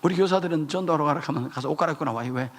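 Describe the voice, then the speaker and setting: A man preaching a revival sermon in a church, telling stories with sudden shouted high bursts. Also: rapid-fire. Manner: animated storytelling, jumping to shouted high bursts. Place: church sanctuary.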